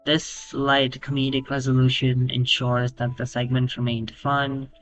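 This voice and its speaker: A man giving explanatory voice-over commentary that breaks down a comedy segment, talking in a halting way with fillers. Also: medium pitch, completely flat delivery, a bit bright, soft background music, poor audio. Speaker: video commentator.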